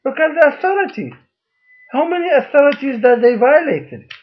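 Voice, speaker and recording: A man making a personal video appeal to the camera as a father, talking in halting, emphatic, repetitive phrases while he holds up documents. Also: very high voice, big pitch swings, dull audio.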